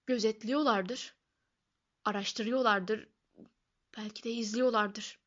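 A woman's voice: on the high side, normal speed, a bit bright, muffled recording, close to an everyday voice. A woman voicing a blustering, bad-tempered middle-aged uncle who barks and snaps. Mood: anxious. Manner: gruff, barking and snapping.

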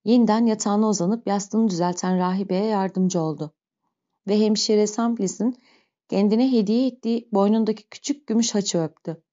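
A woman reads a novel aloud in slow, measured storytelling. Her voice is warm and mellow, with a middle pitch. The recording sounds dull and lo-fi. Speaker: narrator. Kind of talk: audiobook reading of a novel.

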